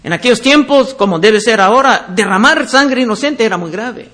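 Man, very high voice, preacher, Bible teaching sermon, reads verses then explains them. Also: lively intonation, sharp tone. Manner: reads scripture aloud, then explains it deliberately.

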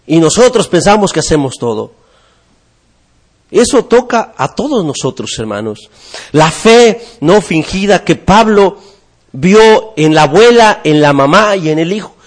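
A male pastor, preaching an earnest sermon to his congregation and acting out the voices of children and parents. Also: sits high. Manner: earnest, repeatedly addresses the congregation as brothers.

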